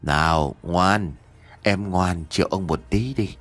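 A man's voice: low-pitched, takes it slowly, fairly bright tone, pitched below the performer's own voice. A man voicing a drunk, lecherous and cruel old male official who slurs and threatens. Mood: leering. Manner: slurring, leering, then menacing threats.

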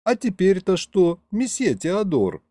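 Male reader as a sensible young vampire woman, raised pitch, dry sound. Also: huge pitch swings, a little slow, warm tone, no echo, heavily acted. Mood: weary. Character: prim young female vampire, sensible and weary.

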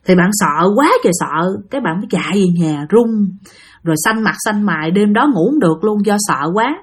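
A woman's voice: medium pitch, expressive, brisk, breathy edge. A woman telling a ghost story in a chatty way, talking straight to her listeners. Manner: chatty, addresses listeners directly.

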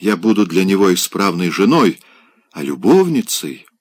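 A man's voice: sits low, sing-song, normal speed, a little mellow, dry recording, studio quality. A man voicing a passionate, restless married woman in an audiobook, pleading and melodramatic. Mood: bitter complaint.

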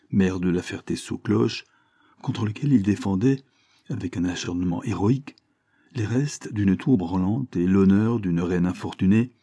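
A man reading a literary short story aloud in a measured, expressive storytelling manner. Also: fairly low pitch, husky, no room sound, studio quality. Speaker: reader.

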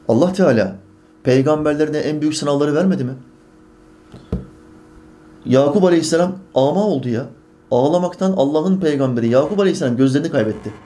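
A man's voice: medium pitch, mellow. A man preaching a sermon, emphatic and full of rhetorical questions to his congregation.

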